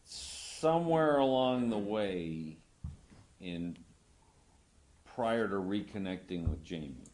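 A man questioning a witness in court as a lawyer, conversational, phrasing things haltingly and seeking confirmation. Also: fairly low pitch, animated, darkish tone.

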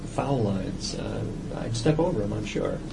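A man with a fairly low voice speaks as a psychiatrist in an evaluation interview. He explains deliberately and at length, pausing and hesitating as he goes. The recording is a noisy old interrogation-style tape. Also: animated, gravelly. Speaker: psychiatrist doing a competency examination.

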